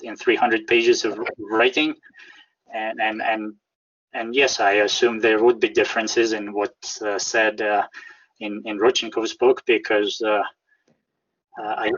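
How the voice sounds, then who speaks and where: A man with a Russian accent answering interview questions in a halting, careful way, often repeating words as he searches for phrasing. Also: fairly low pitch, fairly even intonation, fairly bright tone, muffled recording. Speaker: interview guest, whistleblower. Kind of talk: conversational interview.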